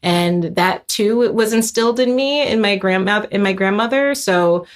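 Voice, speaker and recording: A young adult composer of Haitian heritage speaks thoughtfully as an interview guest, reflecting at a moderate pace in a medium-pitched voice. She uses many fillers and restarts.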